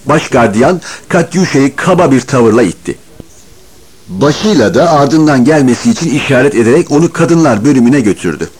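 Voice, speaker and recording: Male audiobook narrator, husky tone, lively rising and falling delivery, expressive scripted reading. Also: medium pitch, moderate pace. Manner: expressive storytelling, varied intonation.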